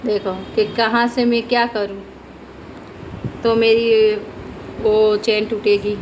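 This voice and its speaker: Woman doing a chatty home vlog, talks to her pet a lot, kinda high voice, a bit of hiss behind. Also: level tone, slow. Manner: chatty, narrating daily chores and talking to her pet. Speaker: family vlogger. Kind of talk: casual home vlog narration.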